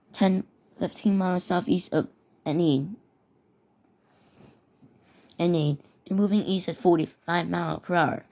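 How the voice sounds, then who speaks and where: Reading out fake emergency weather alerts, this narrator adds her own remarks and often trips over and repeats words. She has a fairly low, slightly mellow voice.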